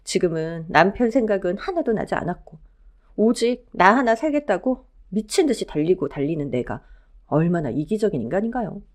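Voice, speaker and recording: A woman narrating a dramatic story in the first person as a widow, in an expressive, scripted storytelling manner. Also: medium pitch, fairly quick.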